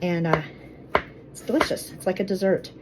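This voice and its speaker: A woman's voice: lowish voice, moderate pace, background noise. A woman chatting casually as she makes fruit water in her home kitchen. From Colorado. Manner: chatty, friendly, talks while cooking. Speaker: vlogger.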